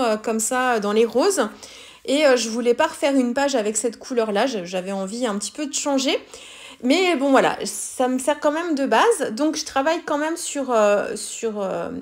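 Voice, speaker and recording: A middle-aged woman chatting through a craft tutorial, hesitating often with many fillers. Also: sits high. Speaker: scrapbooking tutorial maker.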